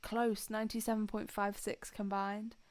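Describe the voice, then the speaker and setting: A woman co-hosting a podcast in casual chat, jokey and quick to read out scores. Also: medium pitch, flat delivery, darkish tone. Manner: chatty, jokey, reads out scores. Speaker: podcast co-host.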